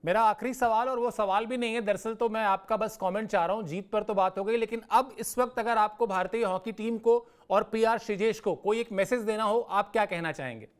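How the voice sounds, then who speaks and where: A male sports reporter interviewing a guest, asking measured questions and thanking him formally. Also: sits high, clean tone.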